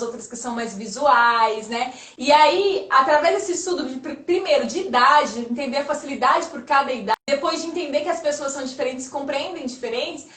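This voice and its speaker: A woman's voice: high voice, fairly bright tone. A woman speaking as a guest on a casual live chat, explaining points and often checking in with a tag question. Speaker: guest storyteller. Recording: roomy and distant from the mic.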